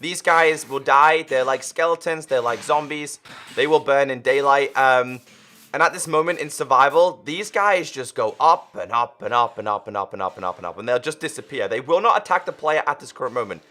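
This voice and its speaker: A man presenting a game update walkthrough in a lively, chatty way, his voice husky because he is losing it. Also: mid-range voice. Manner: upbeat, quick, chatty. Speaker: gaming YouTuber.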